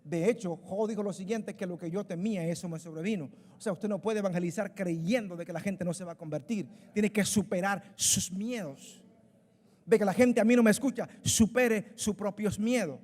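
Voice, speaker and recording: A man in his thirties preaching a sermon, building from quiet storytelling to loud, shouted preaching. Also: sits high, moderate pace, big-room sound. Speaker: pastor.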